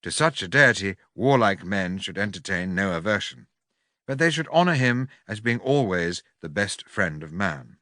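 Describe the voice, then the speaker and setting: Low-voiced man reading with lively intonation. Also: moderate pace, no echo, studio quality. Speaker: audiobook reader. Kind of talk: scripted audiobook reading of a philosophical dialogue.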